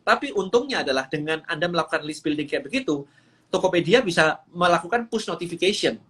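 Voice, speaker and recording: A man's voice: fairly high pitch, animated, quick pace, sharp tone. A man coaching on business during a phone livestream, explaining steps and mixing in English phrases. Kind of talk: Instagram livestream talk.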